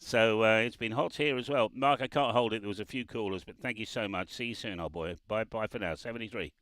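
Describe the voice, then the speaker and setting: A man's voice: on the low side, a little fast, a bit bright, no echo. A man chatting on amateur radio, laughing often and spelling out call signs. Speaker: ham radio operator. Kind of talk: casual radio chat. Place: parked car by the road, remote radio.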